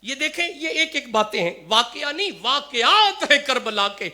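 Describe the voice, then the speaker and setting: A man preaching an impassioned sermon at a mosque gathering, moving between hushed storytelling and loud declaiming. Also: very high-pitched, animated.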